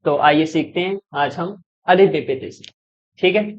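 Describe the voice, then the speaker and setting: A man's voice: on the high side, normal speed, dull audio, a little hiss or hum. A man teaching an exam-prep lesson as a tutor, patiently repeating each point and answering his own questions.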